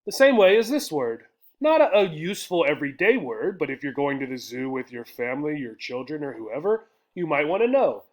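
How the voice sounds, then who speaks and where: Here the English teacher is brisk, his American-accented voice a little high and sing-song. He teaches vocabulary didactically, going over key words again and frequently checking that learners are following.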